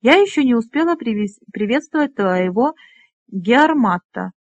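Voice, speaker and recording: A woman voicing a spirited, bossy young woman who leads dragonriders, talking briskly and teasing. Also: a little high, animated, no echo, lo-fi sound, voice pushed up. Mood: commanding.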